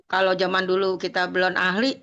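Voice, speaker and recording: A woman student joins an online class over a video call, telling stories in a lively, exclaiming way. Her voice sits low and has a gravelly fry to it. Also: a little fast, lo-fi sound. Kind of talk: casual class chat.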